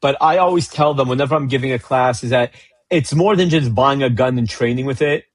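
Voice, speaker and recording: A man's voice: medium pitch, a little fast, dry recording. A man chatting as a podcast guest, telling stories with lots of acted-out dialogue and restarts. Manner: storytelling, acts out dialogue with frequent restarts. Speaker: guest, gun rights advocate. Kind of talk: casual podcast chat.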